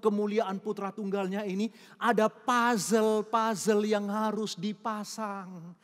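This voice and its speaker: A middle-aged male pastor preaching a sermon, firing rhetorical questions and building to loud, emphatic peaks. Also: high voice, in a large hall. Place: church hall.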